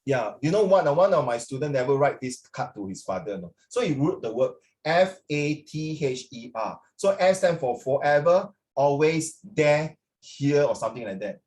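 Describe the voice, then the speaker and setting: Speaking at normal speed, a middle-aged man with a Singaporean accent uses a slightly high, slightly mellow voice with animation. As a language teacher in an informal class, he mixes English with Mandarin and frequently drops tags such as "ah".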